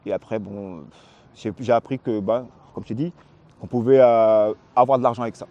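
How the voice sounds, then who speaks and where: Hesitating and circling back in slangy speech, a Réunion-born hip-hop graffiti artist living in Paris answers interview questions casually. The man, in his forties, speaks at a moderate pace in a fairly low voice, and the audio's highs are cut off.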